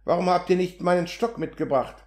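An impatient male land surveyor, as a man reading an audiobook puts him on, snapping out sharp, exasperated demands in a slightly high voice. The audiobook is recorded in a roomy space with a clear echo. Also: brisk, natural voice.

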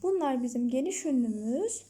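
A woman teacher explaining grammar in an online lesson, asking the class questions and answering them herself, repeating example words slowly and clearly. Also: high voice, animated, dark tone.

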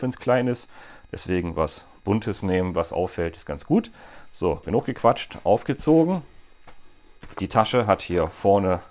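This bike gear vlogger's voice sits low and a little mellow. A man in his forties, he chats casually and makes jokey asides while fitting parts to a bike in a small workshop for a hands-on demo.

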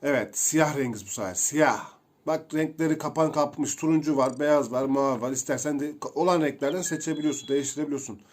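A young man giving casual, excitable commentary while playing a video game, chatting to his viewers as he goes. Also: fairly high pitch, brisk. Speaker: gameplay streamer.

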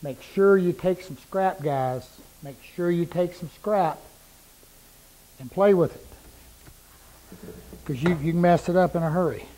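Middle-aged guy showing saw cuts in his shop, fairly high voice, keeps repeating stuff so you get it, lapel mic. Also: a little slow, long pauses, warm tone, poor audio. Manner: plain-spoken, repeats points for emphasis, talks while working. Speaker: woodworking instructor. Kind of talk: hands-on shop demonstration. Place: woodworking shop with power saws.

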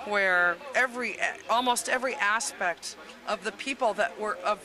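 A woman's voice: mid-range voice, normal speed. Woman, 50s, from the United States, rambling, thoughtful, outdoor interview, handheld mic, busy crowd behind. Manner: rambling, thoughtful, searches for words. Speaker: interviewee, traveler on the bus. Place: outdoors at a busy public event. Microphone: handheld mic held by interviewer.

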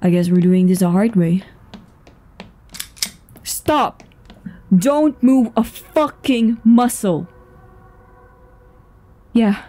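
In a dramatic ASMR roleplay, a voice actress plays a commanding, foul-mouthed woman with a secret, cold, menacing and tense. She uses a warm, mid-range voice with drawn-out words and frequent pauses, cursing urgently amid breathy sighs and stammering.

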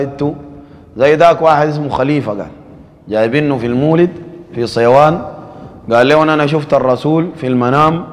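Sudanese man preaching in a reverberant hall. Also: on the high side. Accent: Sudanese Arabic. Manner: conversational preaching with quoted dialogue. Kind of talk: sermon.

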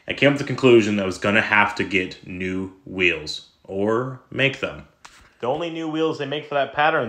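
A man narrating a truck build as a voice-over, relaxed and enthusiastic as he tells the story. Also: mid-range voice. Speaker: truck builder and channel host.

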